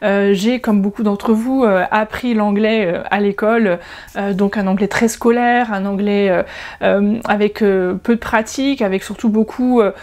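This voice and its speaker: A woman from France in her thirties, talking casually to camera in a vlog with frequent pauses and restarts. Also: medium pitch, fairly even intonation, darkish tone. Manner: chatty, many hesitations and restarts. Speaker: language-learning YouTuber.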